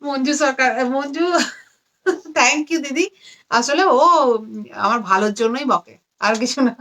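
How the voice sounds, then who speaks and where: A tired, low-energy woman selling saris on a live stream, repeating every price again and again. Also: unhurried, a bit bright. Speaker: online saree seller. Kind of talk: live-stream sales pitch. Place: indoors among stacks of saris.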